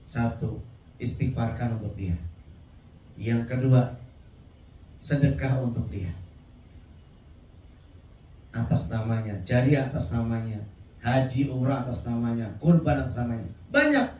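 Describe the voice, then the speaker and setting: A man preaching a sermon to a live crowd, emphatic, with his voice rising high when he calls out to the audience. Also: measured pace, long pauses, dark tone, echoey room, distant mic, rough recording. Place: event hall.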